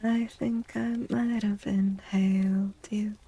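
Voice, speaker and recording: A woman hosts a gentle ASMR tarot stream on a close mic, her soft speech often turning into a breathy whisper. Playful, cute and affectionate, she keeps a medium pitch and level tone and takes her time.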